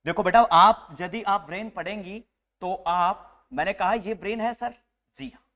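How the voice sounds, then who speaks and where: A man teaches a live nursing class, his slightly raised voice carrying across the room as he teases and coaxes the students. He drops English medical terms into an animated, joking delivery. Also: high-pitched, unhurried. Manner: animated, teasing, mixes Hindi with English terms.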